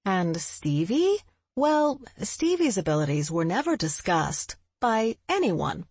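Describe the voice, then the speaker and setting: A woman narrating an audiobook in an expressive, husky voice on a close studio mic. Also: mid-range voice, slow, dry recording.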